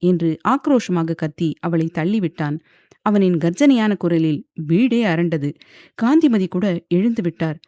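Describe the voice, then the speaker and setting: A woman's voice: on the low side, unhurried, no echo, clean studio sound. Woman narrating a dramatic audio novel. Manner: steady dramatic reading. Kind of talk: scripted storybook narration.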